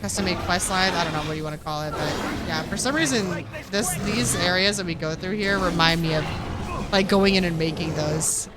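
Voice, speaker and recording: A woman's voice: lowish voice, brisk, loud music behind the voice. A woman streaming a game with casual, slangy live commentary, often talking to the characters on screen.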